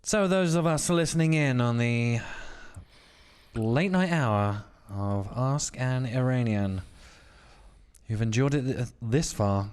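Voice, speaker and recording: A man's voice: medium pitch, slow, a little mellow, clean tone. A man co-hosting a podcast in the middle of the night, sleepy and trading jokes in casual banter. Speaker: podcast co-host. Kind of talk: casual late-night chat.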